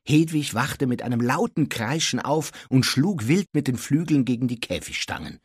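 A man narrating an audiobook with expressive storytelling. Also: medium pitch, normal speed, breathy edge, no room sound, studio quality. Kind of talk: scripted narration.

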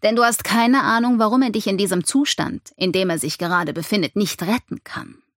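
A woman reading an audiobook, voicing a solemn male mystic who speaks quietly and emphatically. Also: medium pitch, a little fast, no room sound, clean studio sound, lightly acted. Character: solemn male seer-like being, quiet and insistent.

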